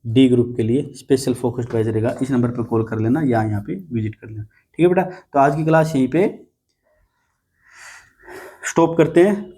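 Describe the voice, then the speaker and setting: Man teaching vocabulary, coaxing and dark-voiced. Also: mid-range voice, normal speed, slightly rough. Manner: coaxing, repeats "ठीक है बेटा", playful mnemonics. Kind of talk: classroom vocabulary lesson.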